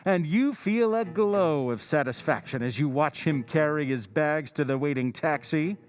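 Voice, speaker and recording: An actor playing the Whistler, a knowing radio-drama narrator who speaks straight to the listener's character in a slow, insinuating way. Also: male voice, a little high, natural voice. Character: male Whistler narrator, ominous, knowing, taunting.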